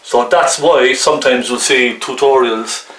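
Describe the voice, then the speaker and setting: A man giving a casual hands-on painting tutorial in a gentle, chatty, coaxing way, often checking in with the viewer. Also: mid-range voice, measured pace. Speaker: painting instructor. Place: indoor room, painting at a canvas. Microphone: camcorder at a distance. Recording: roomy, distant camcorder mic, faint noise.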